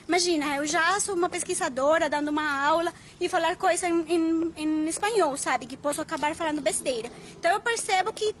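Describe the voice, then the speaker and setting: A woman's voice: very high-pitched, slight background noise. A woman from Colombia whose first language is Spanish, a Spanish teacher and researcher in her thirties, chatting to camera and telling stories with quoted dialogue. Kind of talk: casual vlog talk to camera.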